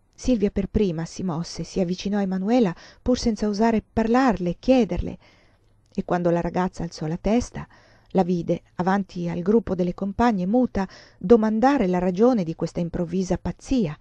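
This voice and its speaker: A woman's voice: mid-range voice, warm tone, no room sound, dull audio. A woman reading a novel aloud, narrating expressively, her voice swelling with the drama. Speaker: audiobook reader.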